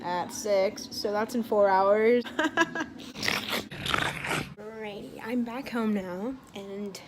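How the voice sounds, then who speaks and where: A woman's voice: medium pitch, fairly even intonation, slow pace, heavy background noise. A young woman talking casually to her phone camera in a vlog, rambling and self-deprecating with lots of fillers. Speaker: vlogger.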